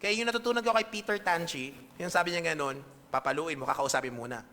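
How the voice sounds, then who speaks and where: A man's voice: a little high, fast, pushed and bright, slight background noise. A pastor with a Filipino accent preaching a conversational sermon to his congregation, checking in with them often. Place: church hall. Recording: echoey hall reverb.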